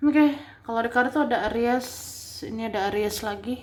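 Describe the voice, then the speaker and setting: A woman's voice: fairly high pitch, fairly quick, darkish tone, a little hiss or hum. A woman giving a casual tarot reading, chatty, restating each point several times and laughing often. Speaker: tarot reader.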